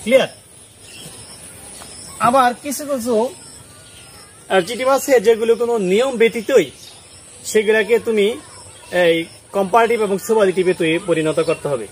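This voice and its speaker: A man's voice: high voice, normal speed, long pauses, slight background noise. A man teaching English grammar to students, explaining rules step by step and often asking whether they have understood. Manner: checks understanding with repeated questions. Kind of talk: classroom lesson explaining at a board.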